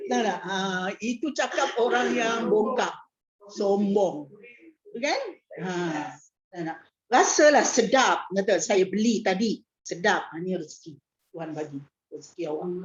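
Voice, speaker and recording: A woman religious teacher gives a casual hadith lesson, chatty and joking, with repeated fillers. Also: fairly high pitch. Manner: chatty, repeats "nak, nak" as filler, jokes and laughs. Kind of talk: casual hadith class lecture. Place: prayer hall class. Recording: dull lo-fi recording.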